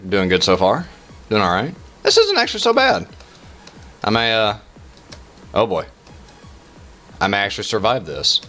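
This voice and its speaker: Halting man commentating on a gaming challenge. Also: lowish voice, fairly bright tone. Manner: halting, exclamatory, muttering asides. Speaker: gaming video host. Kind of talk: casual challenge gameplay commentary. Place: small room indoors. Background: music.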